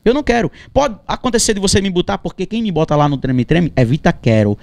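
A man's voice: high-pitched, fast, gravelly. A male singer, telling a story in a casual interview, acting out dialogue and repeating phrases as he goes. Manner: animated, acts out quoted dialogue, stammers and repeats phrases.

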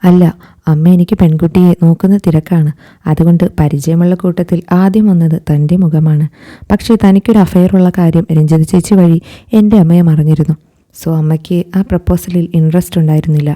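A woman voicing a caring young man who speaks gently and reassuringly. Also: lowish voice, steady tone, a little fast, close to an everyday voice. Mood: gentle.

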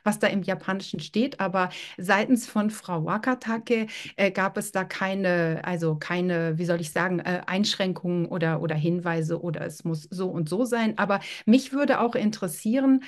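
A woman's voice: fairly low pitch, slow pace, hardly any pauses. A woman interviewer asking questions in an online talk, hesitant and searching for words, over a video call.

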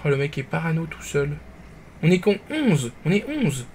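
A man streaming a game live, talking to himself, jumping between hushed nervous murmurs and loud excited outbursts. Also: fairly high pitch, normal speed, a little hiss or hum. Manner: jittery, talks to himself, whispers when nervous. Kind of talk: live gameplay commentary.

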